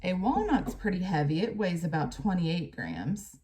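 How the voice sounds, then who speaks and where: A teacher reads a book aloud to pupils: an American woman with a lowish, mellow voice, very animated and at normal speed. She breaks from the lesson with plain asides explaining things directly to the children.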